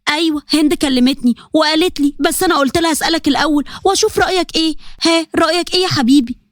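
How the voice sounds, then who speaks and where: A woman's voice: high-pitched, rapid-fire, no room sound, studio quality, lightly acted. A woman voicing a caring middle-aged wife and mother with an Egyptian accent. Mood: coaxing. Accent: Egyptian Arabic. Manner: coaxing, concerned.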